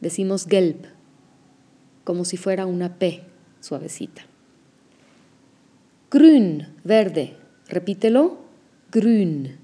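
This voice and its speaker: A woman teaching an audio language lesson, explaining pronunciation slowly and carefully. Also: fairly low pitch, mellow, breathy edge.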